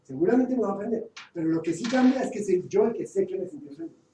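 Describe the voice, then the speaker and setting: A man's voice: sits high, expressive, quick pace, dark tone. A man leading a group training session, questioning the group and stressing his key points. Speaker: workshop trainer. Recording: echoey room, far from the mic, faint hiss.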